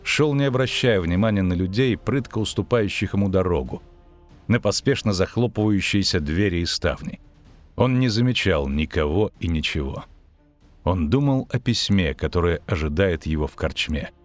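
A man narrating a fantasy audiobook in a measured, dramatic reading. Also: low-pitched, expressive, faint music behind.

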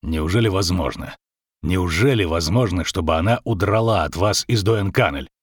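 A gruff grown monster hunter with a low voice speaks in curt, blunt lines, scolding and dry, as an audiobook reader plays him. The recording is close and dead, with no room around it. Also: male voice, normal speed, dry recording. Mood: stern.

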